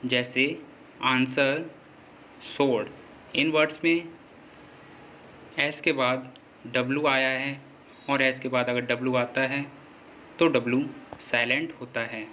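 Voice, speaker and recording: A man teaching a lesson, slowly and patiently explaining rules and repeating them. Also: mid-range voice, steady tone, sharp tone, slight background noise. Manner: slow, repetitive, patient explaining. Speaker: English teacher.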